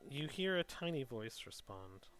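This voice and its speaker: A man's voice: mid-range voice, big pitch swings, unhurried, fairly bright tone. A man narrating a tabletop game as game master, casual, explanatory and a little hesitant.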